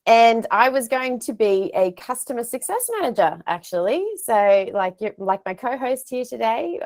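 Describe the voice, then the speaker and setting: A woman's voice: mid-range voice, darkish tone. An Australian woman in her thirties, telling her career story in a chatty, self-deprecating way over an earphone mic on a video call from a home office. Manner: chatty, self-deprecating, gestures while talking. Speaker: guest speaker. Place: home office with shelves of plush toys.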